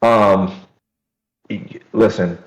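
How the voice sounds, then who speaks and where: A man co-hosting a podcast in casual chat, animated and prone to repeating his words. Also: fairly low pitch, extremely slow, rough recording. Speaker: podcast co-host.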